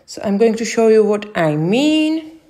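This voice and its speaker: A young Czech woman with a Czech accent, giving slow step-by-step crochet instructions with frequent hesitations. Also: fairly high pitch, big pitch swings, dark tone. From Czech Republic. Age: young adult. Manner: slow, careful, with many hesitations. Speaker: crochet tutorial host.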